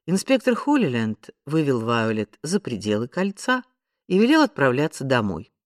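A man narrating an audiobook in a lively, expressive storytelling voice on a close studio mic. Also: medium pitch, moderate pace, dry recording. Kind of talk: scripted narration.

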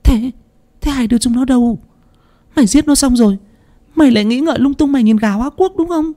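A man voicing a bossy older village woman who scolds sharply in a high, shrill voice. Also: quick pace, warm tone. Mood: scolding.

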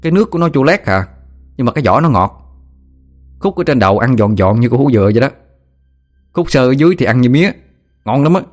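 A man's voice: mid-range voice, very animated, faint music behind, voice pushed up. A man with a Southern Vietnamese accent voicing an older village boy who teases and shows off. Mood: boastful. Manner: teasing, brash, quick-talking. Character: older village boy, teasing, brash, showing off.

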